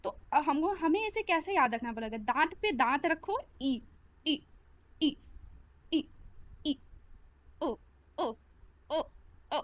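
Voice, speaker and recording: Sharing what she's learned on her own, a young woman walks viewers through a lesson step by step, patiently going over every sound and stroke and cheering them on as a learner herself. She has a high, fairly bright voice, with no room sound.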